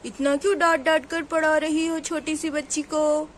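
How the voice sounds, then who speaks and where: A woman playing a protective village father in a doll story, reproachful, still pitched high. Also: flat delivery, moderate pace, a little hiss or hum, lightly acted. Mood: scolding. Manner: reproachful, stern. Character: scolding village father, protective of his daughter.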